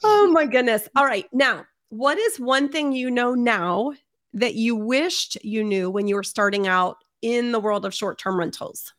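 Woman podcast host, enthusiastic, keeps affirming her guest, a bit high voice. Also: a little slow, fairly bright tone. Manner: enthusiastic, affirming, says amen. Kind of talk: casual interview chat.

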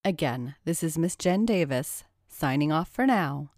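A woman narrating a story in a measured, even way and hosting her own audio channel. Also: deep voice, no room sound, clean studio sound.

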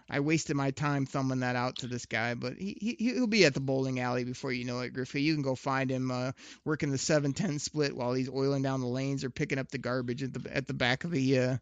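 Brash man ribbing loudly on sports talk. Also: mid-range voice, fairly even intonation, fairly quick, no room sound, dull audio. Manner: loud opinionated ribbing, mocking and brash. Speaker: podcast host.

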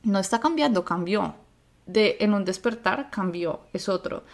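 A woman's voice: mid-range voice, animated, measured pace, vocal fry. A woman with a Colombian accent co-hosting a podcast, chatting casually and giving listeners candid, straight-talking advice. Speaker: podcast co-host. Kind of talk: casual chat.

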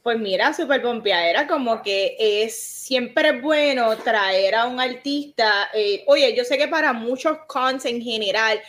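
A woman co-hosts a casual podcast chat in a Puerto Rican Spanish accent. Her voice is high. She talks chattily and slips English words into her Spanish. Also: unhurried, few pauses, fairly bright tone. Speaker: podcast co-host.

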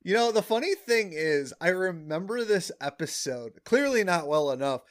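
A man co-hosting a podcast in casual chat about an episode, enthusiastic and quick to laugh, often correcting details. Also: sits high, lively intonation. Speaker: podcast co-host.

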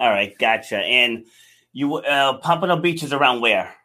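A man with a bright, forward voice hosts a casual conversation. He chats easily and laughs often, asking questions and sharing his own anecdotes. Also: mid-range voice, animated, normal speed. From Rhode Island, USA. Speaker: podcast host.

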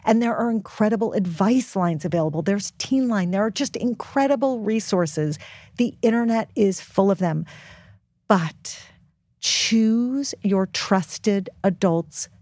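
She has a mid-range, slightly mellow voice with lively intonation and a somewhat slow delivery, free of echo. A health expert and author guesting on a podcast, she speaks frankly, informally and emphatically to young listeners.

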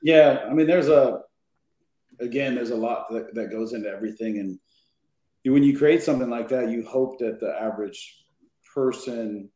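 A man talking about his detailing work as a podcast guest, in a lively way with many fillers. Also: mid-range voice, moderate pace, echoey room. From Southern California. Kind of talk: casual podcast chat. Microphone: remote podcast call.

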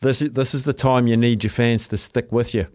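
Male talk radio host, New Zealand accent, smooth resonant voice, dry studio sound, casual chat. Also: mid-range voice, fairly even intonation, moderate pace, darkish tone, no room sound. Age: middle-aged or older. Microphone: close studio microphone.

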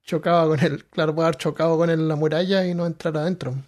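A woman co-hosting a podcast, reading out listener comments in casual chat with lively interjections. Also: low-pitched, fast talker.

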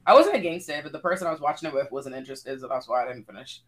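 A woman co-hosting a casual panel chat, talking in an animated, chatty way. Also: very deep voice, rapid-fire. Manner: animated, chatty, plugs her own work. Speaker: panel co-host.

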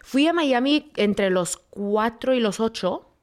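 A woman's voice: fairly high pitch, lively intonation, slow pace, a little mellow. A woman from Spain speaking with a Spain Spanish accent, a podcast guest in casual chat who tells stories animatedly and acts out quotes. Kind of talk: casual conversation.

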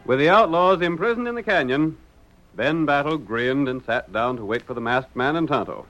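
A man's voice: mid-range voice, expressive, moderate pace, fairly bright tone, dull audio, faint music behind, lightly acted. A man giving dramatic scripted narration for an old-time radio western.

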